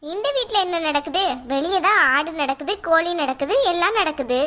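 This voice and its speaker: A cheeky young sister from a cartoon, as a woman puts her on. Her voice is very high and bright. She talks in a teasing, sarcastic way. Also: lively intonation, normal speed, heavily acted. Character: cheeky teenage sister, mocking. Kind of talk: cartoon voice acting.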